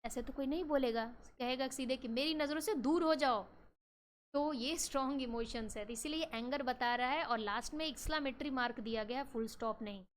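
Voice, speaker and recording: A woman with an Indian accent teaching English grammar in a lesson, reading examples out slowly and explaining them with rhetorical questions. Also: high-pitched, slight background noise. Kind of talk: classroom lesson in Hindi and English.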